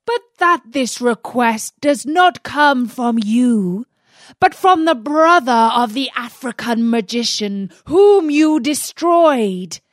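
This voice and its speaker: A woman voicing a furious male genie who shouts in outrage at his master. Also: a little high, expressive, takes it slowly, no echo, studio quality. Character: furious shrieking male genie, enslaved spirit.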